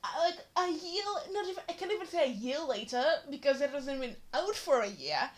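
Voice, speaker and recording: A woman's voice: sits high, big pitch swings, a little fast. A woman ranting in a fan vlog, exasperated and swearing, with many fillers and a cracking voice. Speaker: fan commentator.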